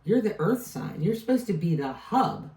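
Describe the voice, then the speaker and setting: A woman's voice: lowish voice, sing-song, normal speed, mellow. Rambling woman reading tarot, echoey room. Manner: rambling, trails off and restarts mid-thought. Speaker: tarot reader. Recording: echoey room, distant mic.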